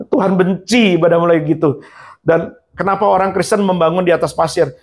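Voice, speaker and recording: A man's voice: sits high, fairly even intonation, a little fast. A male pastor preaching a sermon, emphatic and repetitive, mixing in English phrases and acting out quotes.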